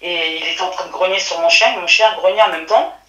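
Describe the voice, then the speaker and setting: A woman telling what she witnessed, in halting speech full of restarts and fillers. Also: fairly low pitch, steady tone, bright, forceful tone, reverberant, rough recording. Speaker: witness telling her story. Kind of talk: hesitant testimony by phone or call.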